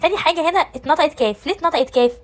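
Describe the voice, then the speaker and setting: This German pronunciation lesson comes from a woman with an Egyptian Arabic accent, who works through it step by step and answers the questions she raises. Her voice sits high and races along, and the recording is rough.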